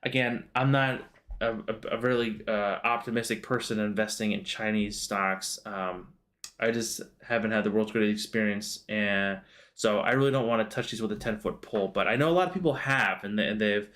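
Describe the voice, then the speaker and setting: A man's voice: lowish voice, moderate pace, fairly bright tone. A man hosting a stock market livestream, walking through charts in a loose, rambling way with many fillers and restarts. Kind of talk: casual market commentary over charts.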